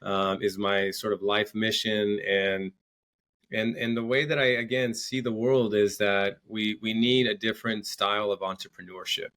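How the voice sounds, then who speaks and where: This entrepreneur and coach, a guest on a podcast, has a fairly low pitch and a fairly bright tone. He explains things in a chatty manner and repeats words often.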